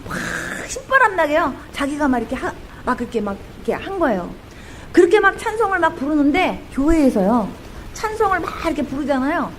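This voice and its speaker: Woman pastor, high and very animated, fervent testimony preaching. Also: a little fast, slight background noise. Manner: animated storytelling, sings hymn snippets, fervent. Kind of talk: testimony sermon.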